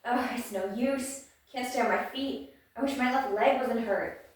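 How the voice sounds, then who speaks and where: A woman's voice: fairly high pitch, a little slow, lightly acted. A breathless woman voicing an injured young male swordsman in a determined inner monologue. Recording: very echoey room, mic far off.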